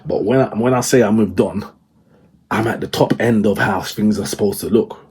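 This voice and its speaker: A man's voice: lowish voice, normal speed, darkish tone, slightly rough. A man in casual podcast chat, talking emphatically and often checking that the listener follows.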